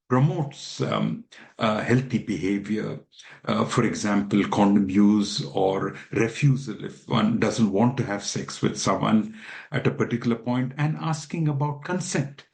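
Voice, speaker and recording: A man from India speaks as an expert guest on a podcast. His voice sits low, and he explains in a measured way with frequent fillers and restarts. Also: creaky, darkish tone. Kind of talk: podcast interview answers.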